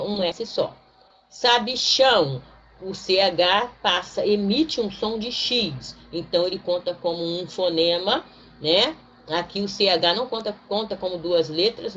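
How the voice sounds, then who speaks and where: A woman's voice: on the low side, fairly bright tone. Woman teacher explaining patiently. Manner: explains step by step, checking in with "tá?" and "né?"; slows down to spell out example words one by one. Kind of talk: recorded online grammar lesson. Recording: dull lo-fi recording, faint noise.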